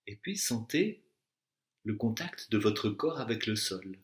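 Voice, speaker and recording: Guiding listeners through relaxation, this meditation and yoga nidra teacher speaks in a fairly low voice that is very animated. His instructions come slowly and with intent, separated by long pauses, and the space around him sounds noticeably echoey.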